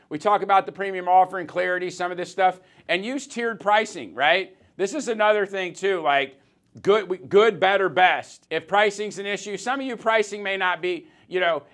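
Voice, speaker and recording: A man with a fairly high voice, delivering a motivational business talk. He talks emphatically, restarting sentences and hammering points home by repetition. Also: a bit bright. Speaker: business coach.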